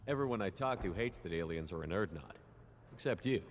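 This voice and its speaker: A man playing a steady, composed military commander in a video game, speaking in a measured, direct way. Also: sits low, a little hiss or hum. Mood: businesslike. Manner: measured, matter-of-fact. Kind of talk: scripted video game dialogue. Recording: long reverb, faint game ambience.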